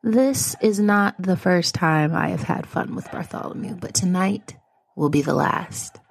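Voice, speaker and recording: A woman reading her own first-person horror story aloud, measured and often dropping to a hushed whisper. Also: lowish voice, creaky.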